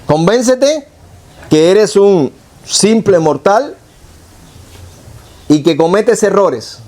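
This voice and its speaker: A man with a Cuban accent delivers a sermon to his congregation in a fairly high voice. He teaches in a conversational way, tosses in rhetorical questions and stops to correct his own wording. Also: dark tone. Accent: Cuban Spanish. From Cuba. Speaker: pastor.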